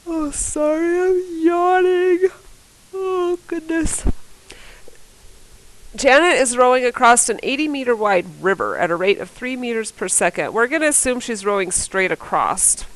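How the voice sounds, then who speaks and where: A woman's voice: a little high, lively intonation, brisk, few pauses, fairly bright tone, poor audio. Lady math teacher with a cold, chatty, talks through problems and fixes her slips as she goes. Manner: casual, thinks aloud, self-correcting. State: fighting a cold. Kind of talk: recorded classroom lesson, working problems on a board.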